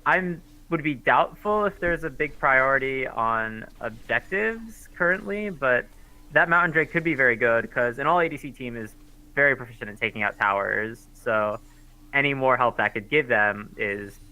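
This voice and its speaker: Bright-voiced man doing color commentary. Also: medium pitch, moderate pace, poor audio. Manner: casual, hesitant, lots of fillers. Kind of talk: live esports commentary.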